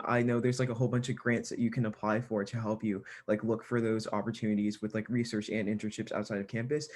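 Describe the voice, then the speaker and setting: A young man student on a panel, speaking hesitantly with many fillers over a video call. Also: mid-range voice. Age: young adult. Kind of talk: casual panel talk.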